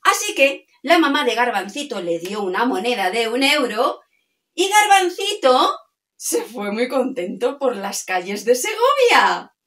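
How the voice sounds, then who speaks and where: A woman's voice: on the high side, measured pace. A middle-aged woman telling a children's story, singing and coaxing listeners to join in. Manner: animated, sings and coaxes listeners to join in. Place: home.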